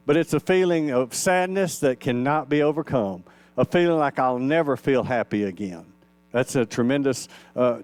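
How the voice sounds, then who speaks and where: Folksy older male minister, smooth voice. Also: fairly high pitch, no echo. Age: 60s. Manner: folksy, conversational, acts out quoted dialogue. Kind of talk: storytelling sermon. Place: church sanctuary.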